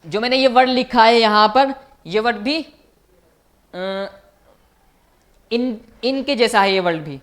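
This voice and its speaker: A man's voice: extremely high pitch, slow pace, long pauses, a bit bright. A man teaching as a language teacher in a recorded online lecture, patiently repeating each point and asking his viewers questions.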